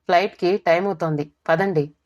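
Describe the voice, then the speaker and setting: A woman voicing a calm, firm middle-aged wife who reasons gently. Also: fairly low pitch, brisk, natural voice. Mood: firm, soothing.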